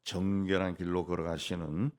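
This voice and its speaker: A male pastor giving a plain-spoken, conversational sermon at a dawn prayer service in a church, often pausing on a short "yes.". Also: low voice, flat delivery, a little mellow. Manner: plain-spoken, punctuates points with "예" and "막". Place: church sanctuary.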